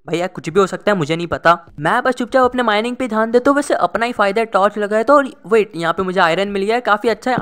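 A man giving excitable gameplay commentary, chatty with his viewers and breaking into frantic exclamations. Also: high voice, smooth. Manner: chatty, addresses viewers as guys and brother. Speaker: gaming channel host.

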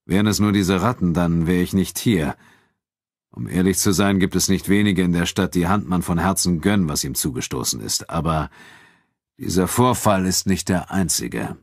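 A man voicing a calm, cold-voiced town official. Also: sits low, dry recording, studio quality. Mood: calm firm. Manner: calm, measured, quietly firm.

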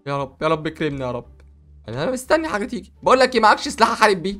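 A young Egyptian man excitedly narrating a game role-play, bossy with sudden loud outbursts. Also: high voice, rapid-fire, faint music behind. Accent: Egyptian Arabic. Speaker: gaming YouTuber.

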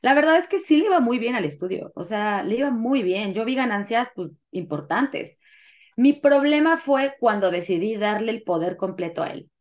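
Speaking at a normal speed in a slightly high voice, a young woman with a Mexican Spanish accent shares a personal story as an interview guest. She tells it in an animated way, performing each quoted line.

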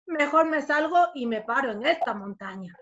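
A woman's voice: animated, normal speed, fairly bright tone, lo-fi sound. A woman voicing a curious, chatty little fly that gasps and exclaims with wonder as it explores a face. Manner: exclaims with wonder, high squeals.

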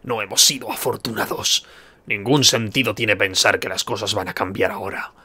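A man with a Spanish accent from Spain reading the lines of a weary, doubtful young chieftain from a video game, slow and subdued. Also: lowish voice, pushed and bright, breathy edge, full character voice.

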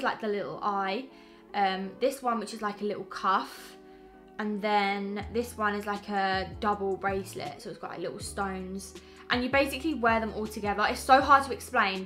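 A woman's voice: medium pitch, sharp tone. A woman in her early twenties with a British accent, gushing enthusiastically as she shows off her birthday gifts in a vlog. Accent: British English. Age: early 20s. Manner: gushing, enthusiastic, repeats "absolutely". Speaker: vlogger. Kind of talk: birthday gift haul vlog.

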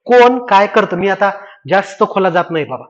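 High-voiced man teaching exam science. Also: normal speed. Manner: lively, repeats key points, asks and answers his own questions. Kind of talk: exam revision lecture. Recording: dull lo-fi classroom recording.

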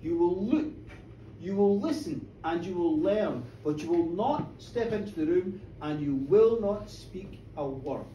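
A man voicing a stern, commanding fairy king in a live folk tale, giving slow, measured orders, recorded from a distance in an echoey pub room. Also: high voice, animated, dark tone, lo-fi sound, a little hiss or hum, voice pushed down. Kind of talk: live storytelling.

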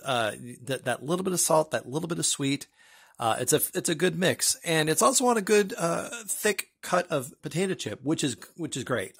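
A middle-aged man with a husky voice gives a casual, wry snack review with dry humor. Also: fairly high pitch, fairly bright tone. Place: small room with bookshelves, indoors.

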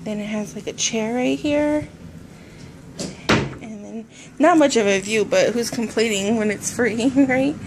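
A woman speaks slowly and unhurriedly as she shows around a hotel room, her voice a little high. It sounds like a handheld phone recording indoors, with clear room noise behind her. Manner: slow, easygoing pointing-out of things. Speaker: vlogger giving a hotel tour. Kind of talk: casual walkthrough narration. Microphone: handheld phone camera.

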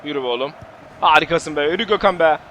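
Excitable young man shouting over a football game. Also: fairly high pitch, fast. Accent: Turkish. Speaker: gaming channel host. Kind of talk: live gameplay commentary.

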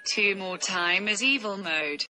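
A woman's voice: mid-range voice, a little slow, over music. A woman acting out a computer error character, threatening and growling, speaking in broken, simple English. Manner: threatening, counting down warnings with growls. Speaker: VTuber.

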